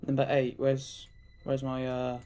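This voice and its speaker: A man's voice: medium pitch, completely flat delivery, unhurried, mellow. A man giving casual gameplay commentary as a streamer, thinking aloud as he plays. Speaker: gaming streamer.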